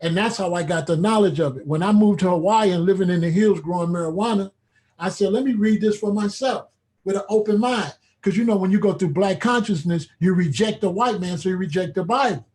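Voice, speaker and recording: A man's voice: high voice, a little fast, darkish tone. A man speaking as the guest on a call-in talk show, in blunt street slang and with emphatic, preachy conviction.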